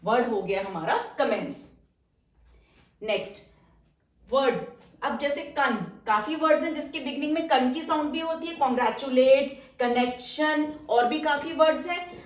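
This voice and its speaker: A woman teaching shorthand, explaining step by step and patiently repeating each word slowly as she writes it. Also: sits high, expressive. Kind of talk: explaining step by step while writing outlines. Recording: roomy echo, mic somewhat distant.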